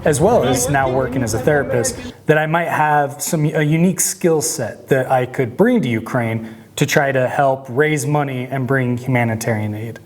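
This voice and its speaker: A man's voice: mid-range voice, quick pace. A man from northern Idaho, a nonprofit founder, speaking earnestly in a documentary interview. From northern Idaho, USA.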